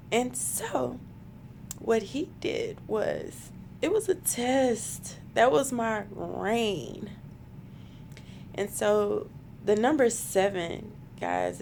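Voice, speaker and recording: A woman's voice: medium pitch, vocal fry, a little mellow, slight background noise. A woman in her thirties telling a personal faith story to camera, earnest and close to tears. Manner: earnest, emotional, spiritual storytelling. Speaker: vlogger.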